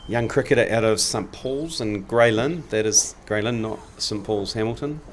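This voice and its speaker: Jokey New cricket commentator. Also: male voice, on the low side, normal speed, a little hiss or hum. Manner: jokey, bursts into excited play-by-play. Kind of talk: casual live sports commentary. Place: outdoor cricket ground.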